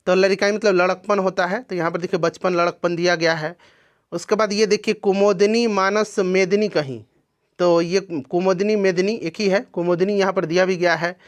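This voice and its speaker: High-voiced man explaining exam answers. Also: fairly bright tone. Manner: explanatory, repeats "ठीक है ना" to check in. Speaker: exam coaching teacher.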